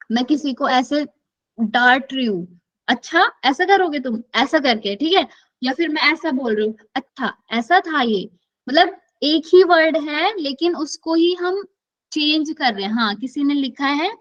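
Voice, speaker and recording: A high-voiced woman runs an online class, calling on students by name for answers and slipping English words into her Hindi. The sound is dull and lo-fi, like an online call. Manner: quizzes students by name, switches often between Hindi and English.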